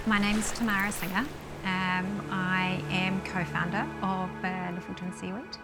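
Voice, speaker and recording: A woman, calmly explaining her work as a company co-founder in a documentary interview. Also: mid-range voice, a little slow. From New Zealand. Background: loud background music.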